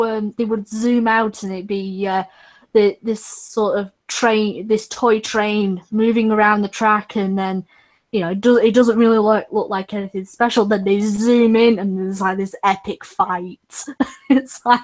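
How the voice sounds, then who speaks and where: A woman's voice: mid-range voice, fairly even intonation, unhurried. A woman in her twenties chatting casually on a stream, rambling with frequent laughs. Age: 20s. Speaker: streamer hosting a chat.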